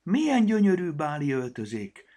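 A man's voice: fairly low pitch, huge pitch swings, creaky, a bit bright, slightly rough, pitched above the performer's own voice, full character voice. A man voicing a fussy, busy little male elf who chatters and grumbles to himself. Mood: lively.

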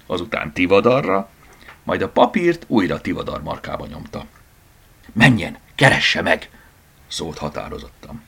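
A man reading a storybook aloud in an expressive narrating voice, at times dropping to whispered asides. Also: low-pitched, creaky, husky. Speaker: audiobook narrator.

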